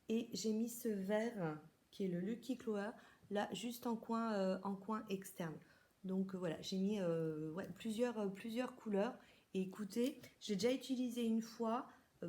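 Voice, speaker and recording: A woman from France chats through a makeup haul for her viewers. She talks casually, pausing and restarting her sentences as she shows each product. Her pitch sits at an ordinary middle level for a woman. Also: warm tone. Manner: chatty, many hesitations and restarts. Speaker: beauty vlogger.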